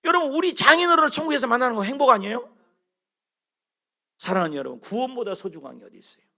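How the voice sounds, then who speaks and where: A man's voice: extremely high pitch, lively intonation, fast, vocal fry, bright, forceful tone. A middle-aged man preaching a sermon as pastor, telling stories with animation and throwing questions at the congregation.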